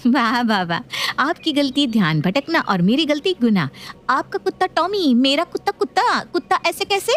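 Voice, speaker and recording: A woman's voice: high-pitched, lively intonation, a little fast, pitched above the performer's own voice. Woman voicing a defiant young daughter-in-law. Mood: indignant. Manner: indignant, argumentative.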